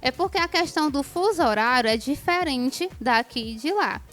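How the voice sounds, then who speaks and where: A woman, an English teacher answering interview questions in a clear, patient, teacherly manner. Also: high voice, expressive, moderate pace, fairly bright tone, soft background music. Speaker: English teacher, show guest.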